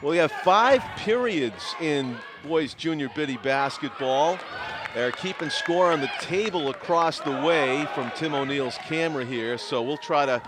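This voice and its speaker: A man's voice: on the high side, unhurried, a crowd in the background. A man doing play-by-play commentary for a youth basketball game in a school gym. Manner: steady play-by-play calling names. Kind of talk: local sports commentary. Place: school gymnasium. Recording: noisy gym ambience.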